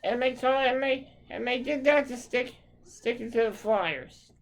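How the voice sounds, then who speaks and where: Slow, angry ranting woman. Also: a little high, poor audio. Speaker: hockey fan. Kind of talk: angry rant to camera.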